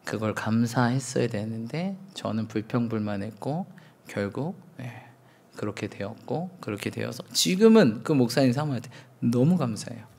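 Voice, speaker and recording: A man's voice: mid-range voice, expressive, normal speed, dark tone, slightly rough. A man in his thirties, a pastor preaching a sermon, telling candid self-mocking stories and acting out quotes.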